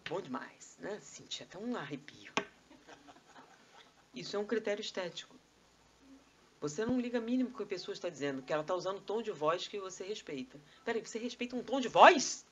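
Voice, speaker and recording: A woman's voice: mid-range voice, expressive, fast talker, dull audio, slight background noise. A woman with a Brazilian accent giving a live spiritist lecture, full of rhetorical questions and conversational asides. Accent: Brazilian Portuguese. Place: spiritist society meeting hall.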